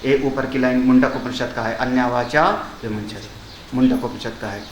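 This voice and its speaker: An older man, a swami, giving a discourse on scripture, chanting Sanskrit verses slowly and then explaining them in conversational speech with rhetorical questions. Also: medium pitch, steady tone, highs cut off, a little hiss or hum. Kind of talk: Hindi discourse on Vedanta. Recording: echoey hall ambience.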